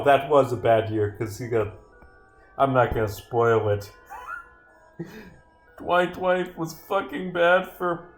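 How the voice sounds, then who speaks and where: A high-pitched man, a streamer who also develops games, rambles casually through a livestream while playtesting. He reads the game's text out loud and keeps cutting in on himself with deadpan jokes as game music plays.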